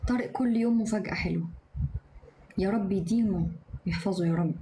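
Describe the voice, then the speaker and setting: Quick, sharp-tongued Egyptian woman streamer. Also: medium pitch, a little hiss or hum. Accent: Egyptian Arabic. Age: 20s. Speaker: live streamer. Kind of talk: live stream chat reading comments. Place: indoors at home.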